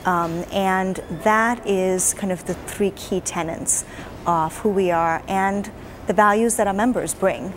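An advocacy director in her forties sits in a hotel lounge answering interview questions, earnest and measured, with plenty of fillers. Her voice is medium-pitched, and background noise can be heard.

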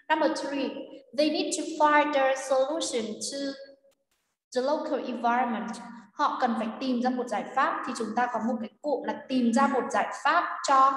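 Woman English teacher, Vietnamese accent, patient and repetitive, a bit high, recorded far off in a reverberant room. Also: fairly bright tone. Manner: repeats words slowly, checks in with students. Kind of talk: explaining a quiz lesson. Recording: echoey room, voice far from mic.

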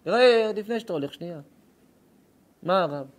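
A stern but compassionate old rabbi, firm and admonishing, as a preacher acts him out in his own fairly high voice. He gives his advice with weight and insistence, within a sermon story. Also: animated.

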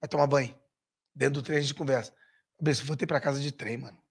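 Animated storyteller from Rio. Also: male voice, mid-range voice, rapid-fire, husky. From Brazil. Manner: animated, acts out quoted voices, swears freely. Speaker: guest, former footballer. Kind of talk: casual storytelling.

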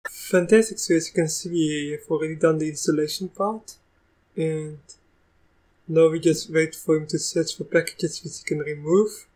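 A young man with a South African accent touched by Russian, hosting a live software tutorial in a chatty, easygoing way, restarting sentences as he goes. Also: a little high, flat delivery, moderate pace, low-quality recording. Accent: South African, with a bit of Russian. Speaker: tech tutorial host.

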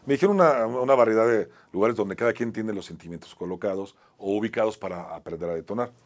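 On a talk show, a fast-talking man with a Mexican accent and a lowish voice shares a personal story from his life as an acting teacher. Many of his phrases end in a tag question, and his delivery moves between strong and soft.

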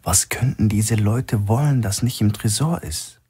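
A man voicing a calm, experienced male investigator who speaks steadily and gravely in a crime audiobook. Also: on the low side, measured pace, voice pushed up.

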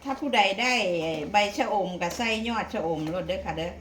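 A woman speaks with an Isan Thai accent in a folksy, chatty way, as if guiding viewers through a home recipe. Her pitch is average. The room rings with echo, and there is clear background noise with the clink of cookware. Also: expressive, brisk, a bit bright. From Isan, northeastern Thailand. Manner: folksy, chatty, with polite particles. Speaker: home cooking vlogger. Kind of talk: casual cooking demonstration, addressing viewers.

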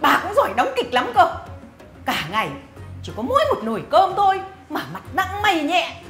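A woman's voice: extremely high pitch, sing-song, moderate pace, fairly bright tone, echoey room, soft background music, heavily acted. An actress playing a scornful, bossy mother-in-law who scolds and mocks with sneering laughs. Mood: scornful scolding. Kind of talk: family drama acting.

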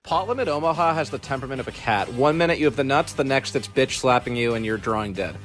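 A man in his twenties with a hoarse smoker's rasp and a congested cold, casually narrating poker hands in a brash, sweary way. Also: medium pitch, quick pace, fairly bright tone. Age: 20s. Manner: brash, profane, jokingly self-deprecating. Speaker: poker vlogger. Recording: voice-over with music behind.

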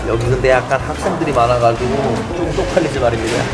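A man's voice: medium pitch, fast talker. A young man in military role-play banter over a meal, scolding in mock-stern, formal soldier speech. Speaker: performer in a comedy skit show. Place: cafeteria, indoors. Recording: echoey room with loud music. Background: loud music.

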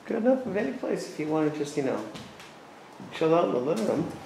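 Recorded on a noisy handheld camera mic, an urban explorer vlogger walks through and behind a derelict abandoned house. He's an American man in his forties whose voice is a little high, warm and creaky, with a sing-song, fast delivery. He narrates his casual vlog wryly, tossing out muttered asides to himself.

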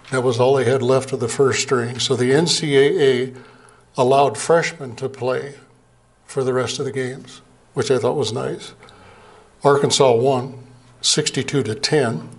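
An older man, an Air Force veteran, stands at a lectern in a small museum meeting room giving a plain, unhurried slide presentation that halts with fillers. His voice is mid-range, picked up by a camera across the room.

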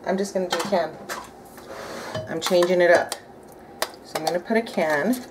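A home cooking vlogger in her thirties chats upbeat in her indoor kitchen, thinking aloud as she cooks a recipe in casual cook-along narration. Her voice is lowish and her speed normal. Dishes, utensils, cutlery and pots clink clearly in the background.

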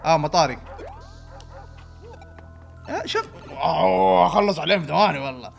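Brief: young male gamer, expressive voice that swings from mutters to yells. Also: a little high, fairly quick, creaky, soft background music. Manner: excitable, swinging between mutters and loud outbursts. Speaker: gaming channel host. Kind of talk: let's play commentary.

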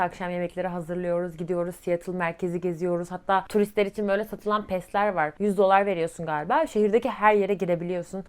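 A young woman vlogger telling a personal story in a casual, lively way, acting out what people said. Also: mid-range voice, smooth. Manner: lively, expressive, acts out quoted dialogue.

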